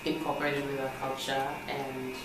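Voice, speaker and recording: Very low-voiced young woman, flat measured answers, distant echoey mic. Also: over loud music. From Papua New Guinea. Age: young adult. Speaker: engineering student. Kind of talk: casual interview answers.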